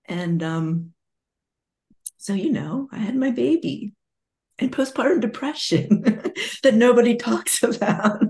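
A woman's voice: a little high, takes it slowly, long pauses. A woman in her forties telling her personal story candidly, acting out quoted voices with emotion. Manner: emotional, confessional, animated quotes. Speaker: guest sharing her story.

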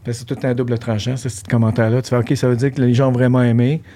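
A middle-aged podcast host with a Québécois French accent runs a casual interview at a rapid-fire pace and medium pitch. He's animated, acting out quotes in funny, playful voices.

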